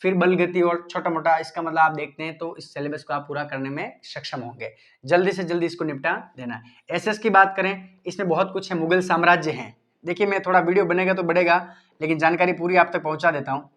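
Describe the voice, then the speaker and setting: Male teacher, fairly high voice, chatty repetitive study tips aimed straight at students. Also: fairly even intonation, a little fast, a bit bright, muffled recording. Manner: informal, repetitive, addresses students directly. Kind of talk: exam-prep study advice lesson.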